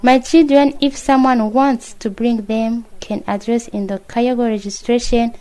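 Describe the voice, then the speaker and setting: Brief: female interpreter voice-over, a bit high, mellow tone, plain earnest reading. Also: steady tone, measured pace. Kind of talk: translated testimony voice-over.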